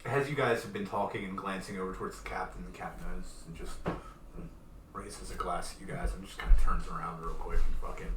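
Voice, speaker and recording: A man runs a tabletop game with a low voice and offhand narration. He sits away from the mic in an echoey room. Steady noise runs behind him. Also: a little fast, recorded from a distance. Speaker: game master.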